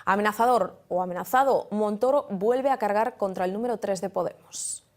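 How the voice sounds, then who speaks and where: A woman news anchor reading the evening bulletin in a brisk, formal manner. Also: medium pitch, darkish tone.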